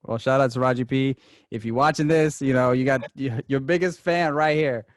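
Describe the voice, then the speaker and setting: Relaxed young man hosting a podcast, dry sound. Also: medium pitch, dry recording. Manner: relaxed, asks quick questions. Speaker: podcast host. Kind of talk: casual podcast interview.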